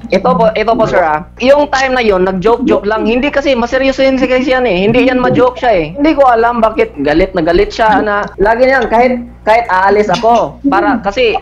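A man's voice: very high-pitched, brisk, highs cut off. A man with a Filipino accent on a call, defensive and adding "sir" to every sentence. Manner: defensive, keeps saying sir. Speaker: respondent husband.

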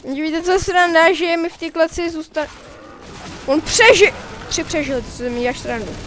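A man giving casual, rambling commentary while playing a shooter game, excitable and swearing now and then. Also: very high voice, slight background noise. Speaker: gaming video creator.

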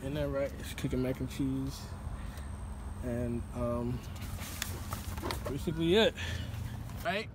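In his car and then a large warehouse store, a young man in his twenties talks to his phone camera held out at arm's length, the store and car noise audible behind him. His medium-pitched voice is unhurried, with long pauses, and his easygoing, slangy chat includes instructive side comments.

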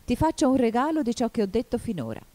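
A woman's voice: on the high side, very animated, quick pace, mellow, voice pushed up. A woman voicing a fussy duchess who moralizes in a sing-song way. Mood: teasing.

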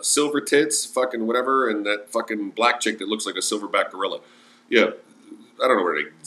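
This man hosting a livestream complains and rants in crude terms, swearing nonstop. His voice sits on the low side with a fairly bright tone, and the room echoes over faint background music.

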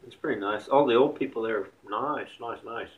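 A man's voice: mid-range voice, fairly quick, phone-quality sound. A young man with a slight Southern country accent, rambling bluntly and swearing in a casual vlog rant. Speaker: vlogger.

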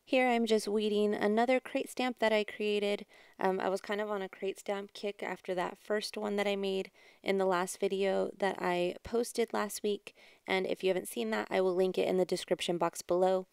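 Soft-spoken woman narrating a craft tutorial. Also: mid-range voice, little pitch movement, moderate pace, gravelly, smooth, no room sound, clean studio sound. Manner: chatty, explaining step by step; quiet, subdued delivery. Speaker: craft channel host. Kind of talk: DIY craft voice-over. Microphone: home voice-over mic.

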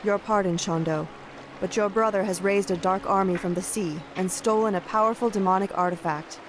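A woman's voice: mid-range voice, steady tone, a little fast, noisy background, natural voice. An actress playing an earnest young female night elf messenger, speaking formally and urgently in a game cutscene. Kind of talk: video game cutscene voice acting.

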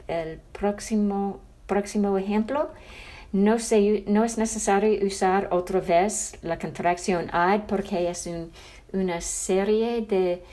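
A woman teaching a language lesson, explaining slowly and carefully and often restarting her sentences. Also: mid-range voice, warm tone.

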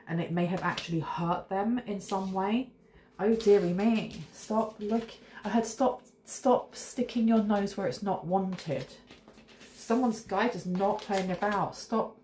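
A sniffly woman in her thirties, down with a cold, reads tarot casually to camera from her kitchen. Her mid-range voice is warm, and she rambles chattily and intuitively, while the indoor space echoes with a faint hiss.

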